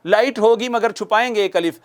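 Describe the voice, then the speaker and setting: This clean-toned, high-pitched male voice belongs to a teacher giving a recorded lesson on Quranic recitation rules. He raises questions only to answer them, restates the main points, and voices the nasal sounds out loud.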